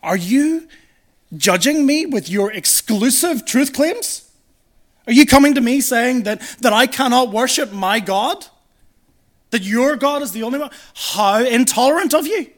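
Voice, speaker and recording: A man's voice: high voice, expressive, measured pace. A man voicing a scornful young Babylonian student who mocks faith with incredulous, sneering questions. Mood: indignant. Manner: sneering, incredulous, mock-offended.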